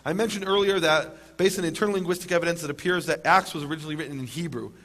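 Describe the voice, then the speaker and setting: A man with a rather high voice lectures a live audience on scripture. He mixes dry jokes into the teaching and slows right down on the words that matter most. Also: fairly bright tone. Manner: wry, dry humor, emphatic on key words.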